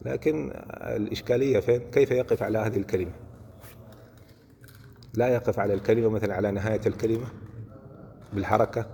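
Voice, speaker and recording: A man's voice: fairly low pitch, steady tone, fast, gravelly, long pauses, warm tone. A man teaching Quran recitation in a religious lesson, explaining step by step and often checking that listeners follow. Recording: hall reverb with faint noise.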